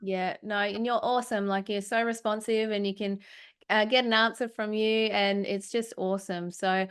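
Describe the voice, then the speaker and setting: A woman's voice: medium pitch, steady tone, normal speed, smooth. A woman hosting a casual podcast interview, effusive and encouraging toward her guest. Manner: warm, encouraging, effusive praise. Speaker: podcast host.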